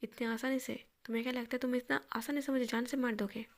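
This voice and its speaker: A woman voicing a stubborn, sharp-tongued young man who answers back in quick, half-whispered retorts. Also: a little high, little pitch movement, natural voice. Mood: bickering.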